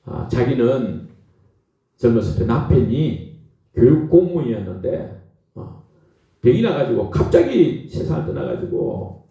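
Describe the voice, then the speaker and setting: A male pastor delivers an animated sermon in a warm, gravelly voice that rises and falls a lot as he tells his stories. He keeps checking in with his listeners with a quick "eh?" as he goes. He is picked up from a distance in a very echoey hall, and the sound is dull and muffled. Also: medium pitch. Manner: animated storytelling, prompts listeners with "eh?".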